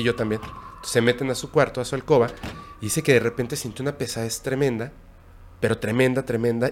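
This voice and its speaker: Un hombre con acento mexicano narra con calma una historia de terror en una charla informal, con pausas y tono bajo. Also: male voice, mid-range voice, slight background noise. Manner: recounting a scary story, hushed and halting. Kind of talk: casual storytelling.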